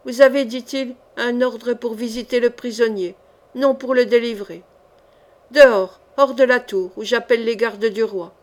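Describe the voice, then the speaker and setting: A woman reader voicing a huge male jailer who speaks roughly and calmly. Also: a little high, normal speed, close to an everyday voice. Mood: stern. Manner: rough, hoarse and calm. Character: gruff hulking male jailer.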